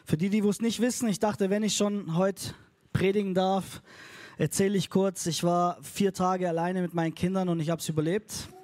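Speaking in a high, dark-toned voice that stays steady at a moderate pace, a male pastor gives a relaxed, cheerful sermon to a congregation in a church hall. He drops in English phrases and leads the crowd in call and response.

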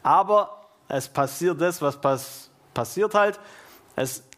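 High-voiced young man leading casual Bible study. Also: slow pace. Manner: slangy and enthusiastic, reads verses aloud with lively stresses.

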